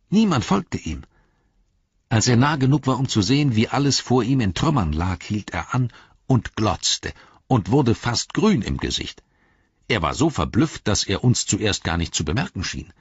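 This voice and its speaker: A man's voice: mid-range voice, slightly rough, no echo, dull audio, full character voice. A man voicing a young male hobbit recounting events in an audiobook. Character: young male hobbit telling his story.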